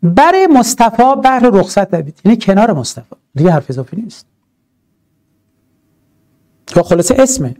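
A male teacher running through grammar points for an exam. His voice sits high, but its tone is dark and mellow. He swings his pitch up and down a lot. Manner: animated, emphatic, drawn-out stresses and rhetorical asides. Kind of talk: exam-prep grammar lesson.

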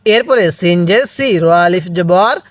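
A man with a Bangladeshi Bengali accent and a high-pitched voice teaches Quran reading. He spells out letters and vowel marks slowly, one by one, and has the listener repeat after him in this unhurried recitation lesson.

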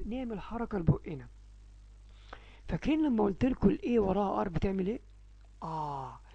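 رجل بلهجة مصرية يشرح درسًا في الصوتيات الإنجليزية لأطفال صغار، ويمدّ أصوات الحروف ببطء. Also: male voice, high voice, vocal fry, warm tone, husky, no echo, rough recording. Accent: Egyptian Arabic. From Egypt. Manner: slow, drawn-out sounding of letters. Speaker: English teacher for young children. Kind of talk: phonics lesson.

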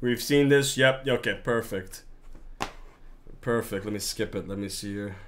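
A man co-hosting a live reaction stream, chatting casually and excitably with slang while he talks to viewers. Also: fairly low pitch, measured pace, a little hiss or hum.

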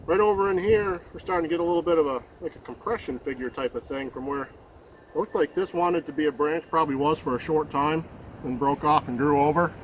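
An easygoing man in his thirties talks casually about his work outdoors, a bit high-pitched for a man. He rambles and restarts his words as he goes. A faint outdoor hum sits underneath him. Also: quick pace. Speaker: woodworking channel host. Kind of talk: casual outdoor workshop commentary. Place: outdoor sawmill yard in the woods.

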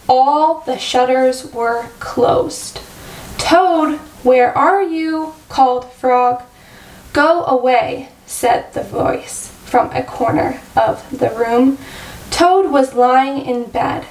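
A woman teacher reading a picture book aloud to first graders. Her voice is high and her pace slow, clear and gentle. She sounds set back from the mic in a room with a roomy echo. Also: far from the mic. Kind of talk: storybook read-aloud for children.

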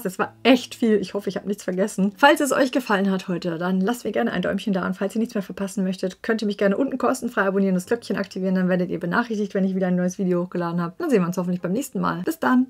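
A young woman chatting excitedly at home as she reads fan mail aloud and unwraps little gifts in a casual vlog. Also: medium pitch, rapid-fire, few pauses. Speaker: YouTuber reading fan mail.

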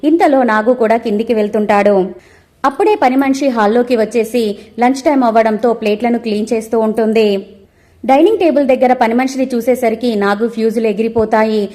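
A woman's voice: a little high, brisk. A woman narrating a recap of a TV serial, telling the story and briefly acting out the characters' lines. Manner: lively, raises voice for quoted lines. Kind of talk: storytelling recap with acted quotes.

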